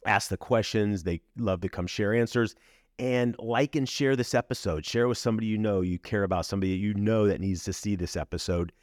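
Upbeat low-voiced male podcast host. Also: fairly quick, no room sound, studio quality. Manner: upbeat, hyped promo delivery. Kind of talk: podcast intro and interview.

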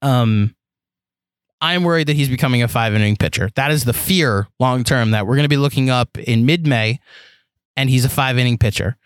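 A young man hosting a solo sports podcast, talking in an animated, rambling way with lots of fillers and restarts. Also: medium pitch, moderate pace, clear, resonant tone, dry recording. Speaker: podcast host.

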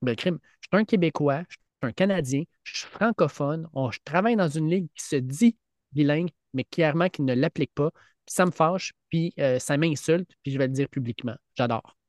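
In a podcast studio, a man with a Quebec French accent, a teacher who co-hosts a sports podcast, chats casually and earnestly. His voice is a little high and brisk with lively intonation, full of fillers and restarts, captured as a dry, clean studio recording.

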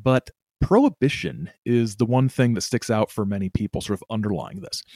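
A man co-hosting a podcast, chatting casually and explaining things in a halting, wryly humorous way. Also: lowish voice, darkish tone, dry recording, studio quality. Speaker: podcast co-host. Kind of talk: casual chat with explanatory narration.

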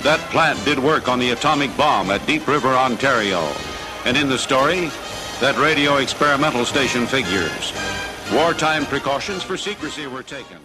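A man's voice: medium pitch, expressive, normal speed, low-quality recording. A man narrating an old 1940s newsreel in a formal, dramatic announcing style. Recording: old archival newsreel soundtrack. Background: music.

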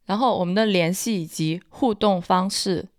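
A woman's voice: mid-range voice, normal speed, darkish tone, a little hiss or hum. A woman from Hunan with a Hunan accent that blurs L and N, co-hosting a casual podcast chat. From Hunan, China. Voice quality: mixes up L and N sounds. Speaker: podcast co-host.

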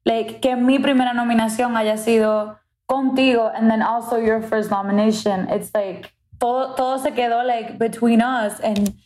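A woman's voice: fairly high pitch, fairly even intonation, normal speed, a little mellow. Laughing bilingual woman, roomy sound. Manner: laughing, switches between English and Spanish. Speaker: guest songwriter. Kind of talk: casual chat.

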